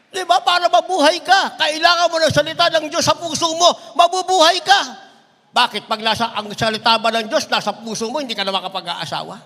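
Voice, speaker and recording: A middle-aged man preaching an impassioned sermon, swinging between shouts and low asides. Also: a little fast. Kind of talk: Tagalog sermon. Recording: long hall reverb.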